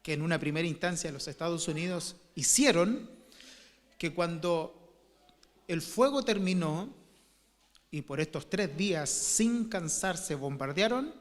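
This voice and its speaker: A male pastor preaching a sermon, telling a story slowly with many fillers and restarts. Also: a little high. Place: church. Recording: long church hall reverb.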